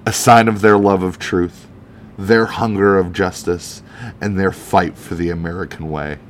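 A man reading out the earnest, measured public speech of a heroic male alien superhero. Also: sits low, a little hiss or hum. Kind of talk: reading a comic speech aloud.

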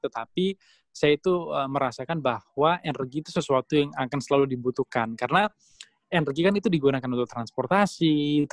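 As a guest in a casual interview, a young adult man from Indonesia talks at length, with frequent fillers and restarts. His voice is medium in pitch, with no echo.

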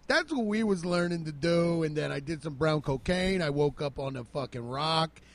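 Higher-voiced man, co-host of a comedy podcast, spins absurd, rambling stories. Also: lively intonation, normal speed. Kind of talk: improvised comedy banter.

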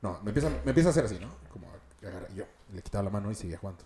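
A man's voice: lowish voice, animated, very fast, background noise. A young Mexican man telling a story among friends in casual chat, laughing at his own mishaps. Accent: Mexican Spanish.

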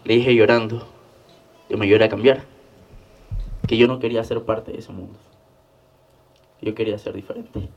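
A man's voice: lowish voice, fairly even intonation, normal speed, vocal fry, long pauses, darkish tone, dull audio. Young guy with a peruvian accent telling his story, repeats stuff for emphasis, kinda far from the mic. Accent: Peruvian Spanish. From Peru. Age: young adult. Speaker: interview guest. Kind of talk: personal life story told in conversation.

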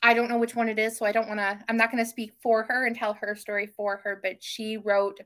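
A young woman speaks as a guest on a casual podcast, eager and warm about her plans. Her voice is bright and forward, and she often pauses on ums and restarts her sentences. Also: a little high, little pitch movement. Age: young adult. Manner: enthusiastic, many ums and restarts.

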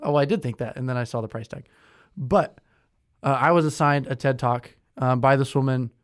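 A man's voice: medium pitch, moderate pace, no room sound, clean studio sound. A young man co-hosting a podcast, chatting casually with lots of fillers and restarts. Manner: chatty, with many fillers and self-corrections. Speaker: podcast co-host. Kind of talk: casual conversational chat.

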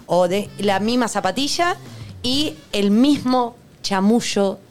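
Animated Rioplatense woman telling stories. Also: slow, faint music behind. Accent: Rioplatense Spanish. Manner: animated storyteller, acts out quoted lines in high voices. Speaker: guest co-host. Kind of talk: casual comedic chat.

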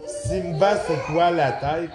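A man narrating a storybook aloud in an expressive, lively reading. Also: fairly high pitch, slow pace. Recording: roomy, clear background music.

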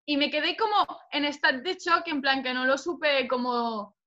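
A woman's voice: high-pitched, moderate pace, pushed and bright. A woman fighter chatting casually, telling a story animatedly and swearing freely. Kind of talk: casual chat. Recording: dull lo-fi sound.

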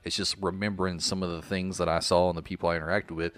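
A man's voice: low voice, flat delivery, fast, no echo. A man with an Arkansas country Southern accent, chatting casually and telling rambling, self-deprecating stories as a podcast co-host. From Arkansas, United States. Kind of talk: casual conversational storytelling.

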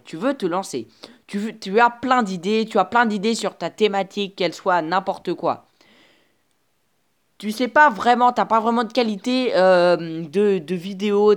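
A woman hosts a casual solo podcast, speaking directly to her listener with chatty encouragement. Her talk stops and restarts, full of filler sounds. She records on a simple earphone microphone. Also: medium pitch. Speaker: podcast host. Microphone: earphone headset mic.

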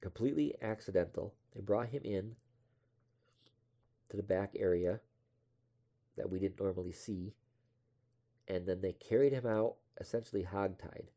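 A man's voice: fairly low pitch, moderate pace, long pauses, dark tone. A young man casually telling a rambling story from his past, offhand and self-deprecating, swearing now and then.

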